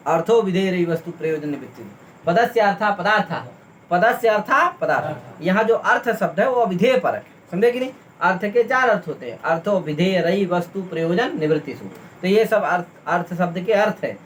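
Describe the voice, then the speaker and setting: A man's voice: high-pitched, animated, moderate pace, slight background noise. A man teaching a class, listing terms one by one and asking his students again and again whether they understood. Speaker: Sanskrit teacher. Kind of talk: classroom lesson, explaining a text.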